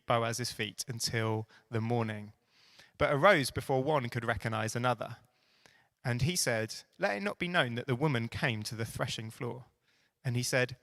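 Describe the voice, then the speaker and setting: Male preacher, lively with wry asides, bright tone. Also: medium pitch, no echo. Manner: animated, playful asides, emphatic repetition. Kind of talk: sermon.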